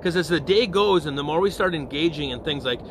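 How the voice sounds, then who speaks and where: A male parish priest speaking in a slightly high voice, with a faint hum of noise in the background. He gives a relaxed evening prayer reflection and often pauses to check in with his listeners. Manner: conversational, often checks in with "okay?" and "all right?".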